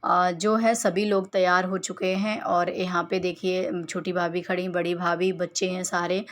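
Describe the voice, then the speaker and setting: A woman's voice: lowish voice, level tone, moderate pace. A woman in her thirties from Uttar Pradesh, narrating her family vlog in a chatty, homely way and walking viewers through each clip. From Uttar Pradesh, India. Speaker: family vlogger. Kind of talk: casual vlog voice-over narration.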